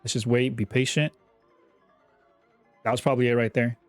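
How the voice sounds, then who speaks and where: A young man giving casual, chatty commentary over his own gameplay, often repeating himself and getting excited. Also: medium pitch, moderate pace, no echo, faint music behind. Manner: chatty, self-talking, repeats words, excitable. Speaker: gaming YouTuber.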